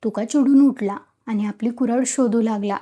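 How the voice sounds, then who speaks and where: A woman with a high, clear voice reads a classic short story aloud. Her delivery is expressive and dramatic, a storyteller's reading. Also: fairly quick.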